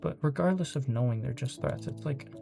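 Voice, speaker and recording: Gravelly-voiced teen guy venting, swearing. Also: medium pitch, fairly quick, music in the background. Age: teens. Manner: frustrated, rambling, swears a lot. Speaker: vlogger. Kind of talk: venting personal vlog.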